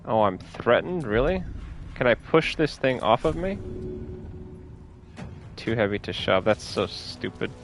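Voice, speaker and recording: A man's voice: mid-range voice, sing-song, measured pace, pauses often, music in the background. A man giving casual, upbeat commentary while playing a game, thinking aloud about each move. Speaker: gameplay streamer.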